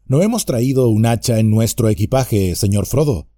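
A man's voice: medium pitch, lively intonation, moderate pace, mellow, no echo, clean studio sound, natural voice. A man voicing a loyal, stubborn male hobbit who speaks fiercely, in an audiobook reading. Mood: determined. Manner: fierce, determined.

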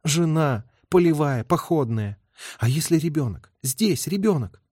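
A man's voice: a little high, expressive, measured pace, a little mellow, breathy edge, dry recording, studio quality, pitched above the performer's own voice. Man voicing a bitter young army nurse. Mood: anguished. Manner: bitter, stubborn, reproachful.

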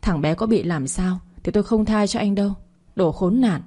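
A woman voicing a desperate young mother who pleads and accuses in a quick, raised voice in a story reading. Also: lively intonation, dark tone, breathy edge. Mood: accusing. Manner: pleading, shrill and fast. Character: frantic young mother of a kidnapped boy.

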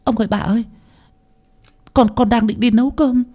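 A man's voice: very high-pitched, fairly even intonation, normal speed, warm tone, voice pushed up. A man voicing a panicked young female kitchen maid who stammers in breathless alarm. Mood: frightened.

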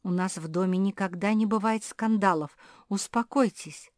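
A woman voicing a gentle motherly woman who keeps the cats, soft and soothing in manner. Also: medium pitch, normal speed, dry recording, clean studio sound, lightly acted.

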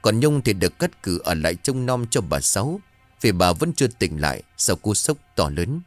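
Expressive male ghost-story narrator. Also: fairly low pitch, normal speed, dry recording. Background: faint music.

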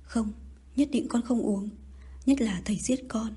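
Woman reading pleading young girl, begging, soft breathy tone. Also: fairly high pitch, a little slow. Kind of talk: audiobook reading.

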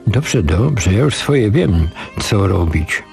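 A man's voice: fairly low pitch, big pitch swings, takes it slowly, gravelly, a little mellow, soft background music, exaggerated voice. A man reading the lines of an anxious young husband who pleads urgently with his father in a storybook reading. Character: anxious young married man, the old man's son.

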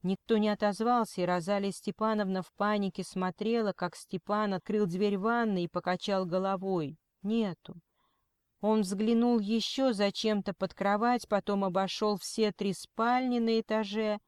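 A woman reading an audiobook as narrator, steady and unhurried. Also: mid-range voice, clear, resonant tone, no room sound. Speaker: audiobook reader. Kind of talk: scripted narration.

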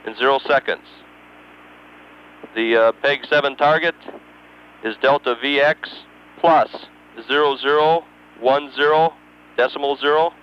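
A man acting as mission control communicator over radio, methodically reading procedural figures digit by digit with pauses. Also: medium pitch, smooth. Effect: radio transmission. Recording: dull, band-limited mission radio channel.

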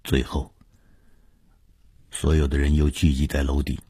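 A man narrating a suspense story for radio, reading dramatically and dropping to a hush in tense passages. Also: rumbling low, completely flat delivery, measured pace, breathy edge.

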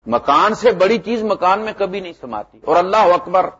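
A middle-aged man preaching a sermon, animated, with loud emphatic lines that drop to low asides. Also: breathy edge. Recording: muffled lo-fi lecture recording.

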